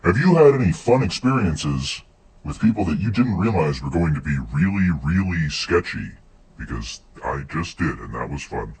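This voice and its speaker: Male caller, voice-changer disguise, very deep and husky, rambling voicemail. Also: sing-song, a little mellow, low-quality recording. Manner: rambling, halting restarts. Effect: voice changer app making the voice very deep. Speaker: listener leaving a voicemail. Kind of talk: casual recorded voicemail.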